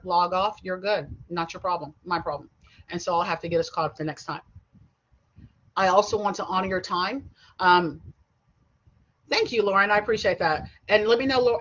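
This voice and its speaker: A woman's voice: mid-range voice, fairly bright tone. Chatty middle-aged woman lecturing online. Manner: chatty and digressive, with frequent asides and self-corrections. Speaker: college instructor. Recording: dull lo-fi video-call audio.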